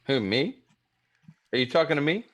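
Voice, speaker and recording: A man's voice: fairly high pitch, sing-song, moderate pace. A man playing a tabletop game, chatting casually in a blunt, questioning way. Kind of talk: casual chat.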